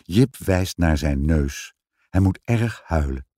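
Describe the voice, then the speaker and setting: A man reading a children's story aloud in an expressive, sing-song storytelling manner. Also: sits low, slow pace, dry recording, studio quality. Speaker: narrator.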